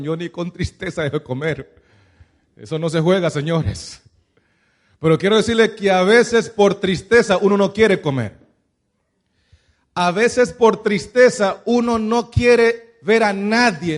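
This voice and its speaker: A man preaching a sermon as pastor, pressing his listeners with one rhetorical question after another. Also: high voice.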